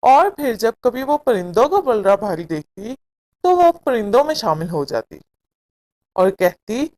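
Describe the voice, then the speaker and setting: A woman with a voice on the high side narrates a scripted moral story for children. Her storytelling is measured and expressive.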